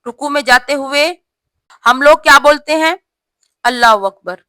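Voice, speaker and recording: A woman teaching correct prayer pronunciation to her sisters, explaining each mistake and drawing out the right words slowly. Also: sits high, fairly even intonation, pushed and bright, no echo. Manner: slow, drawn-out demonstration of correct pronunciation. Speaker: religious teacher. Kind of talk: instructional talk on prayer pronunciation.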